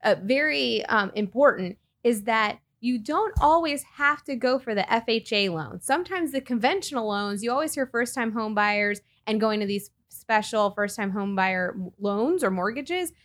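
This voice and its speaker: A woman co-hosting a podcast in casual chat, bubbly and quick to laugh. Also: on the high side, animated, fairly bright tone. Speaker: podcast co-host.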